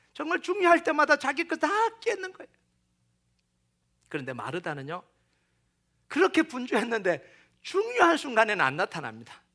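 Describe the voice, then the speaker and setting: A middle-aged pastor with a very high voice preaches a sermon with animation, acting out quoted voices and dropping to near-whispers.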